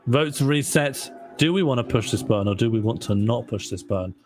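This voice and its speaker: A man's voice: medium pitch, brisk, a little mellow. A man running an improvised role-play game, talking in a mild, rambling, placating way as an in-character assistant. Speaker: game master, voicing the mayor's assistant.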